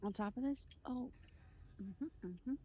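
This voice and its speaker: A woman talking gently and hesitantly in casual home chat, offering food to the others. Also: on the high side, slow, slightly rough. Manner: gentle, hesitant, soft-spoken.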